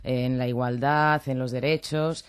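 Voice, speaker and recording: Spanish actress chatting on radio. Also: female voice, a bass voice, steady tone, normal speed, clean tone, no echo. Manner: supportive, laughs along.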